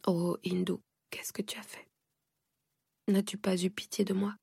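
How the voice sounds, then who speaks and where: A woman voicing a gentle, worried mother who speaks softly and half in a whisper. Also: mid-range voice, fairly quick, vocal fry, husky, no room sound, studio quality. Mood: anguished.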